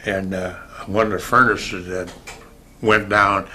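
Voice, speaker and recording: An older American man casually recalling his life for an oral history interview, in a rambling, halting way with pauses to remember. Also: low-pitched, level tone, sharp tone, slight background noise. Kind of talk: casual spoken reminiscence.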